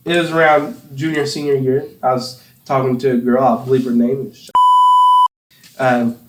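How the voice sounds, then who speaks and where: A man's voice: mid-range voice, flat delivery, moderate pace, reverberant, heavy background noise. A young man from Tennessee, hosting a casual chat with friends, rambling through stories and laughing often. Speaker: podcast host.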